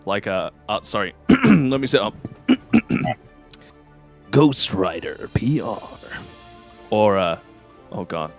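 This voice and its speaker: A man doing live esports commentary on a fighting game, joking and jumping up in excitement on big plays. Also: on the low side, slow, vocal fry, long pauses, faint music behind.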